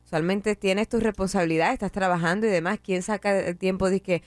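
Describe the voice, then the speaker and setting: Laid-back radio co-host. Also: male voice, high-pitched, brisk, no echo. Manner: relaxed, conversational, drops English asides. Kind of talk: casual radio talk.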